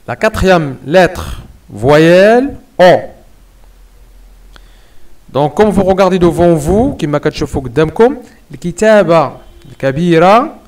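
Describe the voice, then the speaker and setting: A man with a Moroccan accent teaching French letters, repeating each word slowly and spelling it out syllable by syllable. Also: fairly high pitch, a little mellow. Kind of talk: slow classroom lesson.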